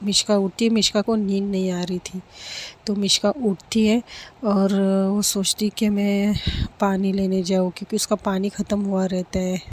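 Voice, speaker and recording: A woman's voice: medium pitch, level tone, moderate pace. A woman narrating a love story casually, repeating phrases and joining them with fillers. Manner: repetitive, with frequent 'to' fillers.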